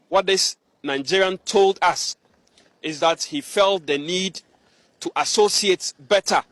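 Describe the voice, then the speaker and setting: A man's voice: high voice, fairly bright tone, dry recording. A man conducting a confrontational interview and news report, pressing his subject with repeated pointed questions.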